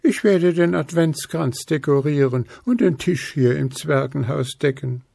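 A man voicing a small excitable female bird with a squeaky manner. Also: a little slow, creaky, slightly rough, no echo, clean studio sound, heavily acted. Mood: excited.

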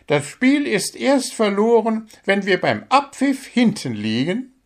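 A tiny bird football coach with a shrill, piping voice that scolds his team sharply and mocks them with sarcasm. He speaks loudly and firmly, high above a normal speaking voice, in a storybook reading. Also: huge pitch swings, measured pace, full character voice. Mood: scolding.

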